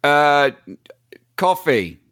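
A man's voice: fairly high pitch, very animated, extremely slow, a bit bright, clean tone, dry recording, studio quality. A man playing a tabletop game, groaning and grumbling in character as a hungover rogue. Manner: groggy, hungover, swearing and grumbling. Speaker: player. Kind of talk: tabletop role-play in character.

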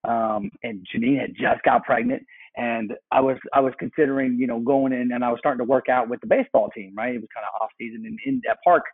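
Guy in his 30s chatting on a podcast, husky voice, sounds like a phone line. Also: medium pitch, quick pace. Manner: storytelling, animated asides. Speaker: guest. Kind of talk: casual chat.

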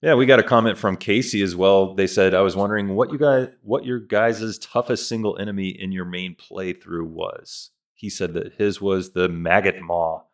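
A man co-hosting a gaming podcast in relaxed, joking chat. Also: low-pitched, normal speed, hardly any pauses. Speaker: podcast co-host. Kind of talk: casual chat.

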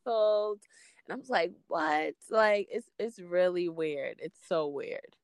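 Low-pitched woman. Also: animated, measured pace, clean tone, dry recording, studio quality. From Queens, New York. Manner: informal, peppered with "like" and "you know". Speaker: interview guest, freelance podcaster. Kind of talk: casual conversational interview.

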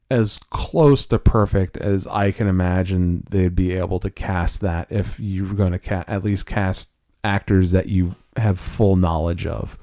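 A man's voice: sits low, dark tone, clear, resonant tone, no room sound, studio quality. A man co-hosting a podcast, talking casually and thoughtfully with frequent restarts. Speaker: podcast co-host. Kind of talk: casual chat.

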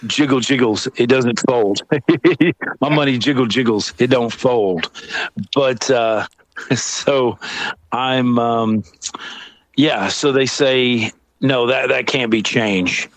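A middle-aged storyteller guest tells a tale casually and comedically, animated, acting out other people's lines and laughing often. He speaks slowly at medium pitch in a dry recording.

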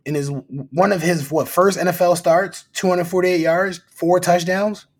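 Husky-voiced man teasing on a sports podcast. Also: sits high, steady tone, unhurried. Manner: teasing, blunt, rambling. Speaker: podcast co-host. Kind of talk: casual sports chat.

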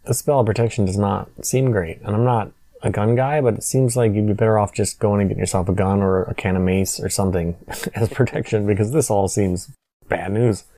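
This is a man co-hosting a casual movie podcast. He recaps scenes with a wry edge and laughs often. His voice is low and mellow, and the sound is dry and close. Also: brisk, no echo. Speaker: podcast co-host. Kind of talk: casual movie review chat.

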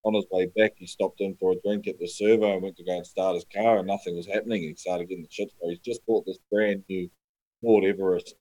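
A man's voice: low voice, fairly even intonation, quick pace, mellow, poor audio. Blokey man with a broad Kiwi accent. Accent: broad New Zealand. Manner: blokey, slangy, sweary storytelling. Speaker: podcast co-host. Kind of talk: casual anecdote-telling on a podcast.

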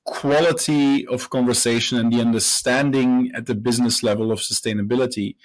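Relaxed and storytelling in manner, a man from Belgium in his thirties answers interview questions, restarting sentences and using fillers; he is a professor and company co-founder. His mid-range voice moves a little fast.

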